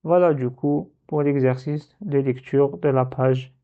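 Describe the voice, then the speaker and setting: A man teaching Arabic letter reading in a slow, patient step-by-step lesson, drawing out each syllable. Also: medium pitch, steady tone. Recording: tinny phone-like sound.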